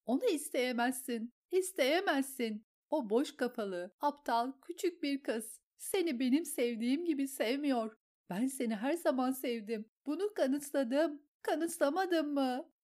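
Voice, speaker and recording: A woman doing a shrill, hysterical jealous noblewoman. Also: animated, extremely slow, hardly any pauses, dark tone, full character voice. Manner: shrieking, sobbing, pleading.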